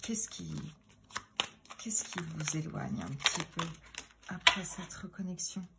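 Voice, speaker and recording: Woman tarot reader, low and gravelly, thinks aloud and drifts into whispers, faint hiss behind. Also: slow. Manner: musing, often slips into a whisper. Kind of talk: tarot reading.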